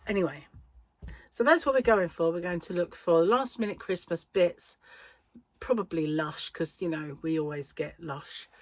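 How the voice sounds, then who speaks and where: A British crochet vlogger who owns a yarn shop chats casually and self-deprecatingly in a rambling vlog. Her voice is lowish with no room sound, and a slight speech impediment occasionally blurs her words.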